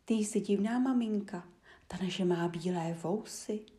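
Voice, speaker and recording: A woman's voice: medium pitch, dark tone, natural voice. A woman voicing cheeky little goat kids teasing a wolf, in whispered role-play.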